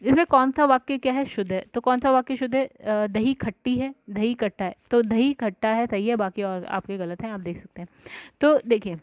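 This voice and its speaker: A woman's voice: fairly high pitch, brisk, few pauses, smooth, no room sound. Woman teaching grammar, dry lo-fi sound. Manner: talks through answers aloud, often saying "ठीक है" and "guys". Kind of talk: exam-prep grammar lesson. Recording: dry, dull lo-fi recording.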